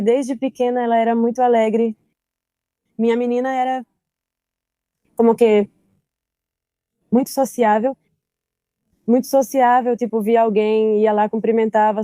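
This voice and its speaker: A woman in her thirties, a mother giving personal testimony, speaking in a halting way and often repeating "I said" as she retells conversations. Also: a little high, mellow, clean tone, no echo.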